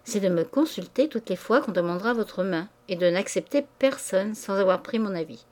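A woman reading the part of an ambitious young man who speaks softly and coaxingly, with a cool edge. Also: mid-range voice, expressive, normal speed, lightly acted. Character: smooth-talking ambitious young man, cold.

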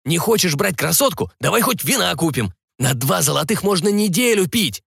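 Brief: raspy, gravelly pirate ghost, a male narrator putting it on, scheming and lecherous, dry close mic. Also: high-pitched, big pitch swings, normal speed, a bit bright, dry recording, pitched above the performer's own voice, full character voice. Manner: hoarse whispering into the ear, scheming.

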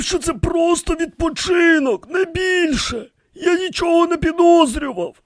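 Voicing a seven-thousand-year-old high priest in an audiobook, the narrator makes the frail man wail in a thin, trembling pitch well beyond a normal male register. Words come drawn-out and half-shouted, with a close, dry recording.

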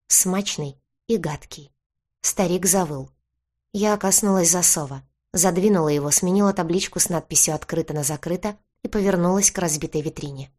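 A woman narrating a first-person novel as an audiobook, in a tense, measured storytelling manner. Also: lowish voice, warm tone.

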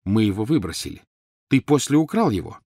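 A man voicing a young male wizard who fires off sharp, demanding questions and orders. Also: fairly low pitch, very animated, fairly quick, dry recording, studio quality. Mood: urgent. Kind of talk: audiobook character voice.

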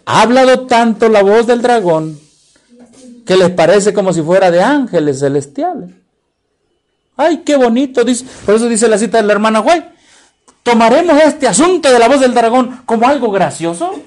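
A man's voice: high-pitched, sing-song, darkish tone. A man with a Mexican accent preaching a sermon, quizzing his listeners with repeated questions and stretching out key words for stress. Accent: Mexican Spanish. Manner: emphatic, drawn-out stresses.

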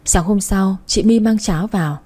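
Female storybook narrator, sorrowful and reflective, husky, mellow. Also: medium pitch, moderate pace. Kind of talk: first-person storybook narration.

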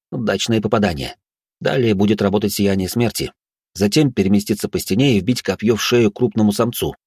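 A man's voice: lowish voice, darkish tone, husky, dry recording, studio quality. A man narrating a first-person fantasy audiobook, with wry, ironic asides.

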